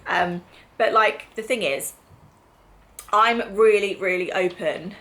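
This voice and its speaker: Speaking slowly in a mid-range, fairly bright voice, this middle-aged mother with an English accent runs a family vlog. She chats casually, explains things and keeps checking in with tag questions.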